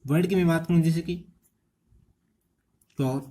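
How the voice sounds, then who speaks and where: A man's voice: a little high, fairly even intonation, normal speed, dark tone. An Indian man teaching an English transcription lesson, quizzing students with repeated rhetorical questions. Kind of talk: exam-prep lecture.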